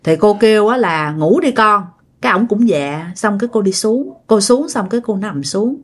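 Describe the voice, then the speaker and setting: A woman's voice: mid-range voice, normal speed, a little mellow. A woman narrating a ghost story in a conversational way, speaking directly to her listeners.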